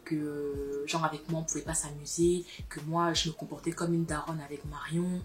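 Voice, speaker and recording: A woman's voice: deep voice, little pitch movement, moderate pace, faint music behind. A young woman vlogger telling a personal story to her viewers in a casual, emphatic way, often repeating herself for effect.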